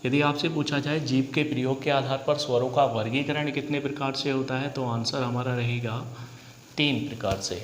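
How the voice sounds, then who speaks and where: A man gives an exam-prep lecture in a hall with a long echo. He asks the class questions and answers them himself, then goes back over each point slowly. A faint room hum sits under his voice. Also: medium pitch, fairly even intonation. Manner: repeats key points slowly. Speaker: Hindi teacher.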